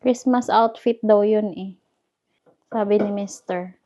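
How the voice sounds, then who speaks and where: A woman's voice: medium pitch, fairly even intonation, takes it slowly, warm tone. A Filipino woman with a Filipino accent chatting casually to her viewers while cooking in her home kitchen, often calling them guys. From Philippines. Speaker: vlogger. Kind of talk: casual chat to camera.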